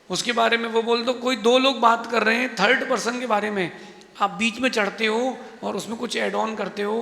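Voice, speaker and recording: A Jain monk delivering an emphatic, rhetorical Hindi sermon with a preachy manner. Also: male voice, sits high, gravelly, bright, forceful tone. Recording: echoey hall.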